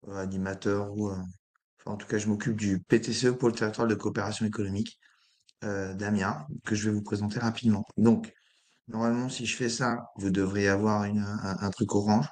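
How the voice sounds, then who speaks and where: A hoarse man presenting a project in an online meeting, hesitating often with fillers. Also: fairly low pitch, fairly even intonation, fairly quick, darkish tone. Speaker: presenter of an incubator.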